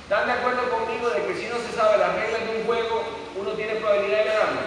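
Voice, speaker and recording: A man's voice: high voice, fairly even intonation, fast talker, fairly bright tone, slight background noise. A middle-aged man giving a motivational seminar talk, telling stories and firing rhetorical questions at the audience. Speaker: seminar speaker. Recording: echoey hall from far off.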